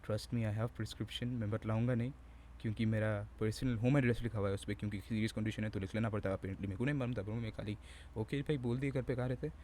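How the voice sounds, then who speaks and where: A man's voice: fairly low pitch, steady tone, fast talker, darkish tone, slight background noise. Rambling, joking young man. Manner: rambling, self-mocking, slangy and crude. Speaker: vlogger. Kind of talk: casual joking chat to camera. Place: at home.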